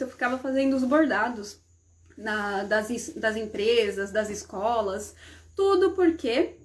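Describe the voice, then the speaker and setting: Woman, slightly high voice, live stream host, casual storytelling, chatty, checks in with listeners, acts out dialogue. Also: a little hiss or hum. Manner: chatty, often adds "né?" and addresses the audience as "gente"; acts out the dialogue in her stories.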